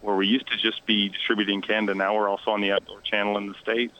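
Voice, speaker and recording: A man speaking as a guest on a radio interview, talking quietly and self-deprecatingly from outdoors by a lake. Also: fairly low pitch, level tone, quick pace, muffled recording. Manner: hushed, quieter than usual. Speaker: guest, fishing show host. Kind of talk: casual radio interview chat.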